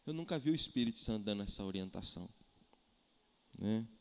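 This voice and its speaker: A Brazilian man preaching a sermon as pastor, animated, firing rhetorical questions and acting out quotes. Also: fairly low pitch, a little fast. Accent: Brazilian Portuguese. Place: church hall. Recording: echoey church hall.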